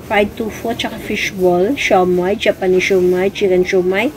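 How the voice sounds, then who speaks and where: A woman's voice: medium pitch, steady tone, normal speed, a little hiss or hum, low-quality recording. A woman with a Filipino accent, vlogging casually as she walks around an office bazaar with her phone. She chats along and keeps saying "ayan" between items. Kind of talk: casual walk-through vlog. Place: indoor office bazaar with crowd. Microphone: handheld phone camera. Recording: phone video with crowd chatter.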